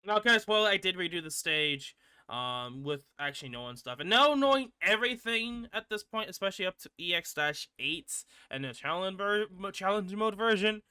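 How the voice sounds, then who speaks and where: Bright lively man rambling about a game. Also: sits high, clean tone, no echo, studio quality. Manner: rambling, restarts often, swears casually. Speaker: gaming channel host. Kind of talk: casual gameplay commentary.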